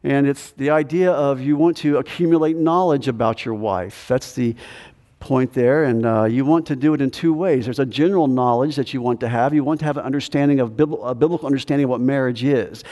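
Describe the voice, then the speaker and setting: Guy preaching a sermon, easygoing and joking, mellow voice, big echoey church hall. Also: mid-range voice, brisk. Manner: conversational preaching with humor and rhetorical questions. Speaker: pastor. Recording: long hall reverb.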